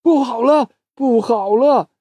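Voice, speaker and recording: A storyteller voicing an excitable little male bean bug who chatters urgently in a children's story. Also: medium pitch, takes it slowly, no echo. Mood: alarmed.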